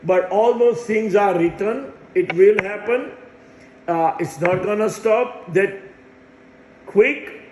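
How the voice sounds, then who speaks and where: A man's voice: sits high, takes it slowly, a little mellow, echoey room, a little hiss or hum, rough recording. A man in his sixties giving a rambling religious monologue as a self-proclaimed messiah, insistent and repeating phrases for emphasis. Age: 60s.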